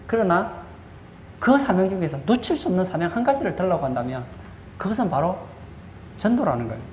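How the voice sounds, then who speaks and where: A man's voice: sits high, very animated, brisk, a little mellow. Male pastor preaching, asks questions then answers them, repeats stuff for emphasis, echoey church room. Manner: emphatic, repeats key phrases. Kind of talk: sermon. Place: church sanctuary. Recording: echoey room with faint background noise.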